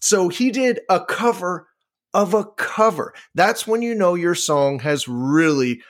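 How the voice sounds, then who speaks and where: A man's voice: high voice, animated, a little slow. A man co-hosting a casual chat, rambling with lots of fillers and restarts. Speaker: podcast co-host.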